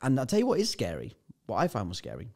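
A man's voice: mid-range voice, huge pitch swings, fast, darkish tone. Man, podcast guest, mid-range voice, vivid and blunt storyteller. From United Kingdom. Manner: vivid storyteller, swears freely. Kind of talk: casual chat, anecdote.

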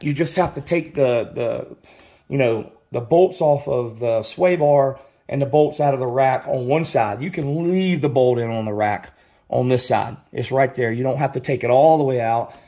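A warm, mid-range male voice at moderate pace explains a car repair one step at a time from his home garage. The casual how-to walkthrough rambles, with many restarts and plenty of "you know" fillers.

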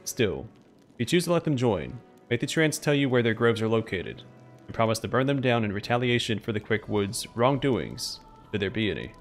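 A man's voice: medium pitch, very animated, fairly quick, soft background music. A man voicing a wary, stern adviser who gives cautionary, formal counsel in game dialogue read aloud.

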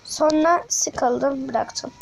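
A woman talking through a mobile game in casual commentary, chatty and excitable, addressing viewers as friends with frequent exclamations. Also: sits high, drawn-out words, vocal fry, background noise. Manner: speaks directly to viewers as friends. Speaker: gaming channel host.

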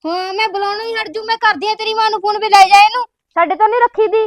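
A woman playing a sharp-tongued Punjabi elder sister. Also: very high-pitched, steady tone. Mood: scolding. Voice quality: scolding, quick-tempered. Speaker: actor in a family web drama.

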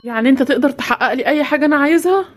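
Woman playing a jumpy young cartoon lamp-finder, Egyptian Arabic accent, quick talk, somewhat high. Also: natural voice. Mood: curious. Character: young man who finds a magic lamp, nervous.

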